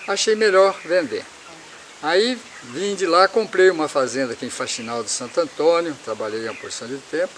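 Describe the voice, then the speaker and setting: A man's voice: fairly high pitch, fairly bright tone, slight background noise. A man in his seventies from Paraná, Brazil, telling his life story in a rambling way and repeating himself. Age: 70s.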